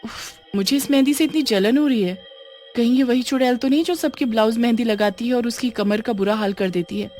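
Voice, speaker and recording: A woman voicing a frightened young bride in an animated horror story, anxious and pleading. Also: on the high side, a little fast, faint music behind, pitched above the performer's own voice, natural voice. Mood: uneasy. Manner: anxious, then screaming in panic.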